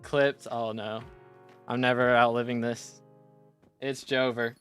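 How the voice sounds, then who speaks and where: A man's voice: mid-range voice, flat delivery, slow, a bit bright, smooth, soft background music. A man hosting a casual gaming livestream, rambling playfully and joking with his chat. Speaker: gaming streamer.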